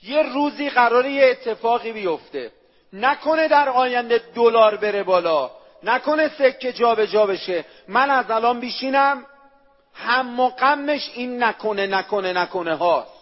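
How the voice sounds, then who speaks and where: A man's voice: very high-pitched, expressive. A man preaching a sermon, emphatic and repetitive, asking the listeners rhetorical questions and reciting Arabic phrases. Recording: echoey hall, dull lo-fi sound.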